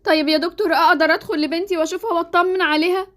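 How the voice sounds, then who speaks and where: A woman's voice: very high voice, steady tone, rapid-fire. A woman voicing an anxious, doting mother with an Egyptian accent, who fusses and pleads in a Roblox series. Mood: tender. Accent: Egyptian Arabic. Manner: frantic, pleading.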